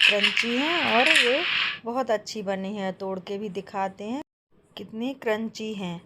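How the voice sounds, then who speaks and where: A young woman from Bundelkhand hosting her home cooking channel, calmly explaining each step to viewers. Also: medium pitch, slight background noise. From Bundelkhand, India. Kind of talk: casual cooking tutorial.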